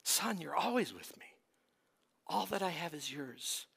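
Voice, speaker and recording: A man preaching who voices a tender, forgiving father pleading with his son in a soft, hushed tone. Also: on the high side, big pitch swings, measured pace, creaky, slightly rough, voice pushed up, full character voice. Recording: long hall reverb.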